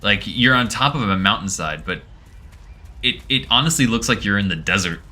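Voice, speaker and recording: Laid-back man with a bright tone. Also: on the low side, expressive, normal speed. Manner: laid-back, swears casually, rambling. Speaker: podcast co-host. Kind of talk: casual chat.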